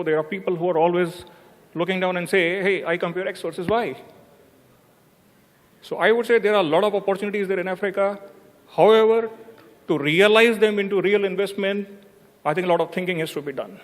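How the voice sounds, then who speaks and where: A man speaking as a business executive at a conference, measured and businesslike, into a handheld mic on a large hall stage. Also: sits high. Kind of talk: conference panel remarks. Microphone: handheld microphone. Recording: long hall reverb.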